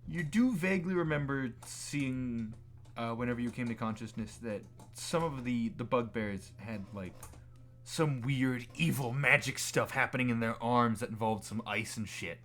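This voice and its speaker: A man's voice: medium pitch, normal speed, fairly bright tone. A man casually narrating a tabletop role-playing game as game master. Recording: background music under the voice. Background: plucked guitar music.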